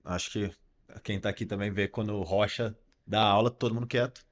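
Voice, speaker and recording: A man's voice: on the low side, fairly even intonation, brisk. A man co-hosting a podcast in a casual, enthusiastic way, speaking straight to listeners with slangy remarks and a Brazilian Portuguese accent. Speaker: podcast co-host.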